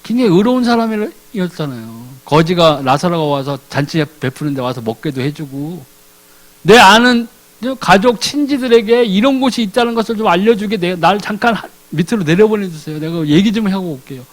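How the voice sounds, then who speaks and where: Animated high-pitched preaching man. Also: brisk, low-quality recording. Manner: animated, acts out biblical characters in casual speech; asks the congregation questions and answers them himself. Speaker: ordained deacon preaching. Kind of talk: sermon.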